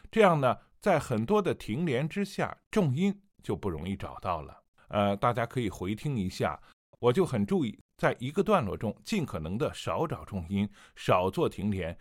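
Man coaching narration, lively pitch. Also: no echo, clean studio sound. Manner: explanatory, emphatic, repeats key advice. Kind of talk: voice-acting lesson.

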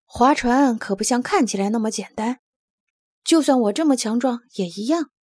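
A woman voicing a kind, steady young male polar bear cub in a storybook reading, gentle and reassuring. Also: on the high side, normal speed, no echo, studio quality.

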